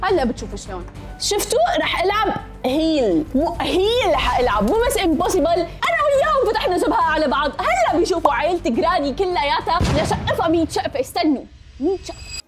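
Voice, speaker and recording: A young woman rattles through her let's-play at high speed, her voice sitting very high and swinging wildly. She is dramatic, yelping and muttering oaths as she plays. Game music plays clearly behind her. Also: big pitch swings, fast talker. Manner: dramatic, shrieks and mutters oaths while playing. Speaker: gaming YouTuber. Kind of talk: excitable let's-play commentary.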